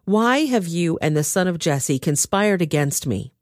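A woman voicing a paranoid king who shouts accusations at his men. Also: lowish voice, animated, a little slow, no echo, studio quality. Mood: furious.

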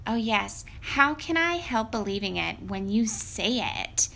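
A woman plays a young storybook princess in a cartoon princess manner. She speaks sweetly and artfully, coaxing with unhurried words. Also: fairly high pitch, animated, vocal fry, sharp tone, a little hiss or hum, exaggerated voice. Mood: sweetly coy.

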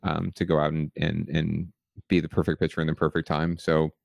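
Deep-voiced man in casual sports chat. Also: level tone, a little fast, creaky, no room sound, studio quality. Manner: conversational, many fillers and restarts, wry humor. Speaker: podcast co-host.

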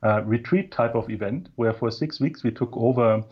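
Man from munich, casual interview guest, relaxed rambling talk, muffled lo-fi sound. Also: medium pitch, moderate pace, husky. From Munich, Germany. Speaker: co-working space founder, guest.

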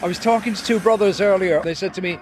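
A man, interviewing as a radio reporter in a husky voice with a gentle, probing manner. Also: high voice, fast talker, background noise. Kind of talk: vox-pop interviewing.

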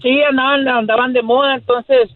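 Middle aged northern mexican guy on a tinny phone line, slangy storytelling, really high voice. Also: level tone, moderate pace, dry recording. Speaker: radio show caller. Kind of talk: casual anecdote on call-in radio. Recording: thin band-limited phone line.

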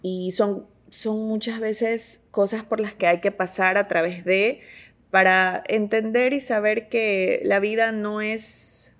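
A woman with an Ecuadorian Spanish accent, chatting expressively as an interview guest, often restarting her sentences. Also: medium pitch. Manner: expressive, talks with many restarts. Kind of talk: casual interview chat.

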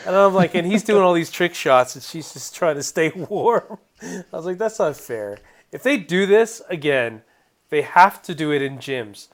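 Male co-host, a bit higher voice, teasing sports banter. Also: normal speed. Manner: teasing, animated storytelling. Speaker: podcast co-host. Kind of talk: casual sports chat.

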